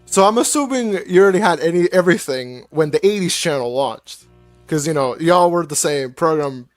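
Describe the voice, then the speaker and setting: A nineteen-year-old man co-hosting a casual interview, eager and excitable. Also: a little high, moderate pace, dry recording, soft background music. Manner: excitable, eager, laughs often. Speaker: co-host.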